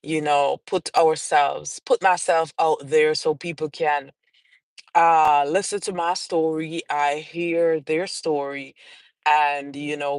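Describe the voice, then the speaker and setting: Taking questions from viewers on a relaxed livestream, a Jamaican woman author speaks in a deep voice captured in a dry recording. She's slow and unhurried, greeting live viewers and often repeating or restarting her phrases.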